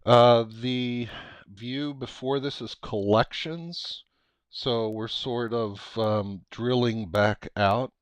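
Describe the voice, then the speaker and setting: A middle-aged American man giving an unscripted, casual software walkthrough, thinking aloud haltingly as he explains. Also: medium pitch, fairly even intonation, clear, resonant tone, dry recording. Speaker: software tutorial presenter.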